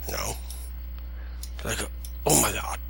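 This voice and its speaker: A man with a deep Southern US accent and slightly slurred S sounds, giving a casual, halting, rambling software tutorial. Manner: halting, rambling delivery with trailing sentences. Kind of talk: casual unscripted screen tutorial.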